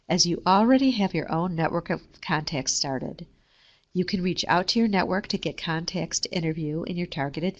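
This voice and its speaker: A woman reading a scripted careers lesson in a steady, measured way. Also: lowish voice. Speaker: career services presenter. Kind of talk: scripted instructional narration.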